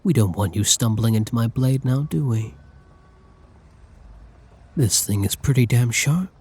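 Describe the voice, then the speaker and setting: This ASMR audio drama features a man as a masked villain, his medium-pitched voice dark, breathy and frequently close to a whisper as he talks very slowly. He menaces and taunts his hostage, issuing orders with a flirty, condescending edge.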